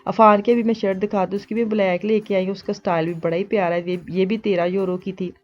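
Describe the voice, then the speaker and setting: A woman's voice: mid-range voice, level tone, a little fast, lo-fi sound, soft background music. A woman in her thirties with a Punjabi accent, chatting casually in a shopping vlog and slipping between Hindi-Urdu and Punjabi. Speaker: vlogger.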